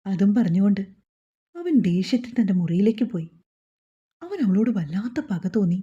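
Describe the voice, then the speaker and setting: Husky woman narrating a story. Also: medium pitch, sing-song, moderate pace, warm tone. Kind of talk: scripted narration of a short story. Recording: dull lo-fi recording.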